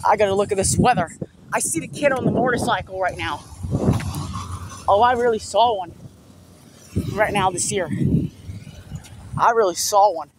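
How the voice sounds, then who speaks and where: In this casual walking vlog, a young man with a high voice talks at a normal speed but pauses often, repeating excited remarks about an approaching storm. He's outside on a small-town street, holding the phone camera at arm's length, and street noise can be heard.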